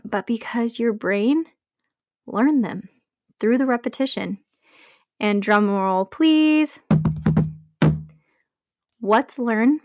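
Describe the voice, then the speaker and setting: A woman speaking as a self-help podcast host, explaining in a chatty, encouraging influencer manner with deliberate phrasing and emphatic pauses. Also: mid-range voice, no room sound, studio quality. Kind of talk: motivational explainer monologue to listeners.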